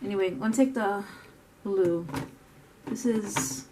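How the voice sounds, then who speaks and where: A woman's voice: medium pitch, unhurried, darkish tone, a little hiss or hum. A woman vlogging as she paints, chatting casually and thinking aloud in a rambling way. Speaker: art vlogger. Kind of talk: casual narration while painting.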